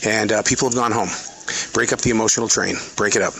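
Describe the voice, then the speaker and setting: A podcast host from the American South records a casual work diary while walking around a retail store, chatty, wry, and sarcastic, with frequent restarts. His voice is lowish, gravelly, and fairly even in intonation, he talks fast, and the background is noisy.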